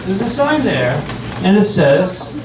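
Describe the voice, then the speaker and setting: An older man performing stand-up comedy in front of an audience, telling stories with halting restarts and repeated phrases. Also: high-pitched, sing-song. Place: room with an audience, recorded from a distance. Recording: roomy, distant mic, very noisy.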